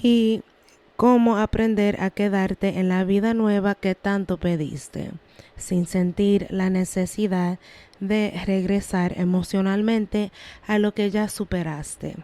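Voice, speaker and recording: A woman from Massachusetts hosting her own podcast, talking through emotional healing in a calm, earnest solo monologue. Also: medium pitch, slow. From Lawrence, Massachusetts, USA. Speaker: podcast host.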